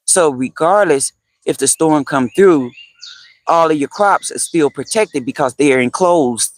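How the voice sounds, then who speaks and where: Slow-talking man chatting on a livestream. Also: on the high side, no room sound. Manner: chatty, answers viewer comments, repeats phrases, laughs often. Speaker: livestream host. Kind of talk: casual livestream chat with viewers.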